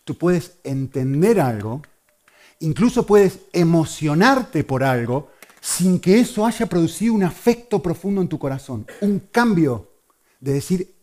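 A man preaching a sermon to a congregation, swinging between loud emphasis and hushed asides. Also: fairly high pitch.

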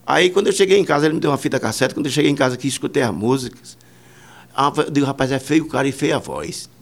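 A man's voice: mid-range voice, expressive, fast talker, vocal fry. A man, a musician and producer, telling rambling anecdotes in a casual interview, full of fillers and quoted dialogue.

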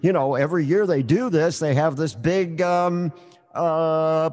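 A man's voice: on the high side, measured pace, darkish tone. Teasing male podcast co-host. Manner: teasing, stumbles over words. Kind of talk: casual podcast chat.

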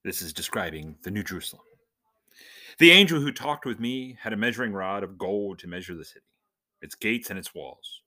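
This podcast host speaks fairly fast with a fairly low pitch, and his lively intonation sounds pushed and bright. A church minister, husband and father, he delivers a casual comic monologue in a jokey, self-described nerdy manner.

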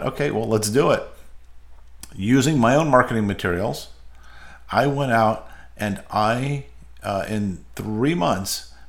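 A man with a fairly low voice tells his own story on a podcast. He talks casually, with fillers and restarts, and pauses in the middle of thoughts. When he acts out his old arguments, his voice rises in outrage. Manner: frequent fillers, restarts and shifts of pace. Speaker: podcast host.

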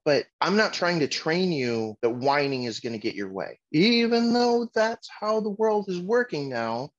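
Middle-aged man, podcast co-host, blunt and foul-mouthed storyteller, slightly dull lo-fi sound. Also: a little high. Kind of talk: casual chat. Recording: muffled lo-fi audio.

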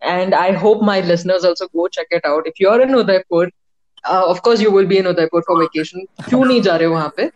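A woman's voice: lowish voice, fast, a little mellow, muffled recording, slight background noise. A woman with a North Indian accent, hosting a podcast in a casual conversational interview style. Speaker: podcast host.

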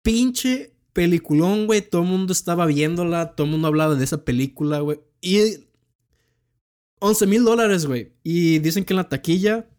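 A man's voice: a little high, fast talker, darkish tone. A young man with a Mexican accent, chatting casually about films with plenty of slang and swearing. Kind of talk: casual film chat.

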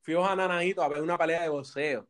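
A man's voice: fairly high pitch, fairly even intonation, fast talker, fairly bright tone. Laughing Puerto Rican man telling stories. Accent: Puerto Rican Spanish. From Puerto Rico. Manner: crude, laughing storyteller. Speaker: podcast host. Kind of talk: casual chat.

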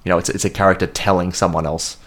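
A man's voice: low-pitched, flat delivery, fast talker. A man co-hosting a podcast, chatting enthusiastically about a film and often restarting his sentences. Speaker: podcast co-host. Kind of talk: casual film review chat.

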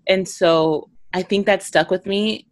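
An animated young woman chatting on a podcast, with a medium-pitched voice recorded dry and close. She jumps into playful impressions as she talks. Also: takes it slowly, no echo. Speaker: podcast co-host. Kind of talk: casual chat.

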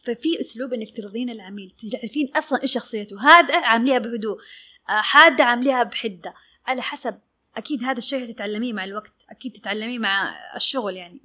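A woman, a fashion designer giving a lively interview and acting out her clients' words. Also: fairly high pitch, racing. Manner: animated, acts out clients' words. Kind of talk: casual interview talk.

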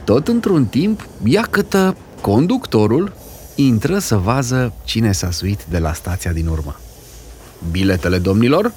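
A man giving a dramatic reading of a classic story, lively and expressive. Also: mid-range voice, slight background noise. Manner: lively, expressive, acts out characters.

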